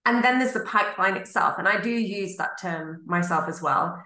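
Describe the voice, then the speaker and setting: A woman's voice: lowish voice, normal speed, pushed and bright. A woman hosting a podcast, talking in a reflective, encouraging way in a casual interview. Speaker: podcast host. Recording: roomy echo.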